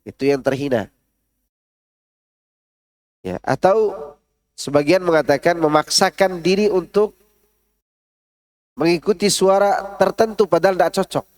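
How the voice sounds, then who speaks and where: High-voiced man giving a mosque lecture. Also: a little slow, long pauses, darkish tone. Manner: explains with spoken examples and recites Arabic verses in a melodic tone; asks the audience rhetorical questions. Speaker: ustadz giving a Quran tafsir study. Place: large mosque hall. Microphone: stood up while speaking.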